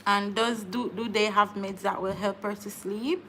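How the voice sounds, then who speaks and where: A woman's voice: medium pitch, steady tone, normal speed, a bit bright, slight background noise. A woman, hosting a casual live stream, chatting with viewers, laughing often and repeating words as she talks. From Jamaica. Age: 30s. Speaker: livestream host.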